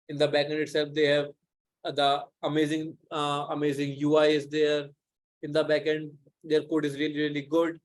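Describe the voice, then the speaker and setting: A man teaching a live class over a video call, his pitch a little high but held fairly flat. He rambles through his explanation and keeps restarting sentences as he talks it through. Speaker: instructor. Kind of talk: live online lecture.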